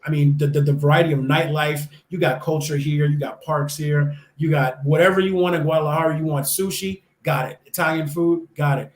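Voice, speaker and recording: This young American man speaks a little fast with hardly any pauses, his fairly high voice keeping a fairly even intonation. As a guest in a casual, echoey interview chat, he's enthusiastic and uses many fillers and restarts.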